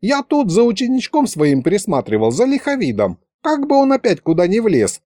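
A man voicing an excitable ancient male wizard who rambles in a high, folksy chatter. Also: moderate pace, no room sound, studio quality. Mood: alarmed chatter.

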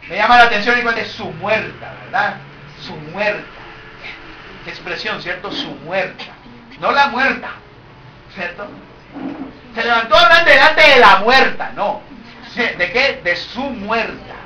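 A man's voice: sits high, lively intonation, moderate pace, bright, forceful tone, dull audio, slight background noise. A male pastor, preaching emphatically and asking his listeners rhetorical questions. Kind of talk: sermon. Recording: echoey room, voice from a distance.

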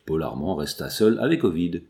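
A male audiobook narrator reads a novel. His storytelling is expressive, with a lively, varied pitch. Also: normal speed. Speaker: audiobook reader.

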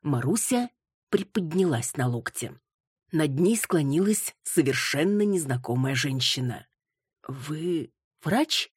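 A woman narrating an audiobook in an even, measured reading. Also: low-pitched, husky, no room sound, studio quality.

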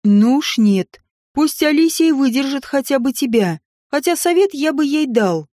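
A woman's voice: high voice, animated, a little slow, dark tone, no room sound, clean studio sound. A woman voicing a teasing, playful male king in an audiobook. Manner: teasing, mocking.

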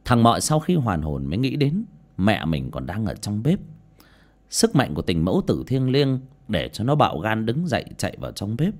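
A man's voice: huge pitch swings, moderate pace. Dramatic male horror storyteller. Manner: dramatic, with sudden pitch swings. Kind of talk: scripted horror narration. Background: faint music.

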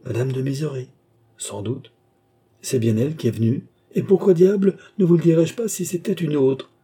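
A man's voice: mid-range voice, moderate pace, dark tone, slightly rough. A man voicing a kindly, musing male court doctor in an audiobook. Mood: exasperated.

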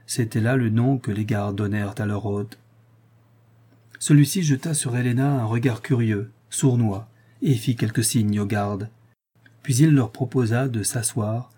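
A man reading a classic novel aloud as an audiobook narrator, in a measured storytelling manner. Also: mid-range voice, mellow, husky.

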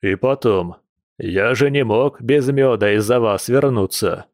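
A man's voice: mid-range voice, measured pace, darkish tone, no echo, studio quality, natural voice. A man voicing a sly old male bear general who speaks in a weighty, self-justifying way in an audiobook.

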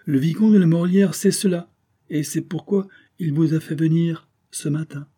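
A man's voice: on the high side, normal speed, dark tone, breathy edge, pitched above the performer's own voice. A man reading aloud plays a cunning disguised adventurer who speaks with sure, commanding knowingness. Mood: knowing.

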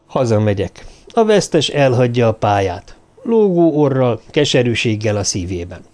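A man voicing a calm, probing man in an audiobook, talking in a casual, even way. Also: medium pitch, natural voice.

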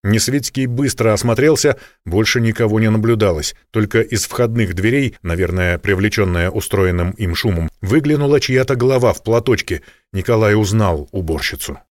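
A man narrating an audiobook in a steady, matter-of-fact way. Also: lowish voice, moderate pace, hardly any pauses, dry recording, studio quality. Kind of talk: scripted narration.

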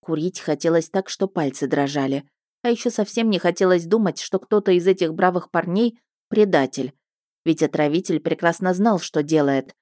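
Low-voiced woman narrating an audiobook. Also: normal speed, dark tone, dry recording, studio quality. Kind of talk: first-person audiobook narration.

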